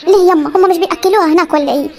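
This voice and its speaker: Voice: very high-pitched, racing. An actor voicing a cheeky, lazy young village daughter in a comedy cartoon, whining and talking back, with an Upper Egyptian accent. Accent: Upper Egyptian Arabic. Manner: whiny, talks back, stalls.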